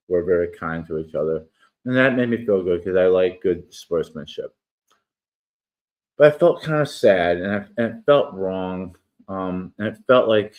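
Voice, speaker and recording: A middle-aged man whose speech is slurred and thick from a swollen tongue, talking casually and reading his own writing. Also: low-pitched. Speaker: writer and online host. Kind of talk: casual talk and reading own article aloud.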